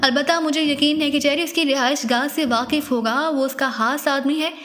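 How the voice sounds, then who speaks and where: A captive woman spy, wounded and fearful, as the woman narrator plays her speaks in a high voice. A long hall reverb trails each line of this spy audiobook. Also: moderate pace, a bit bright. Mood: confessing. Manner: pleading, fearful.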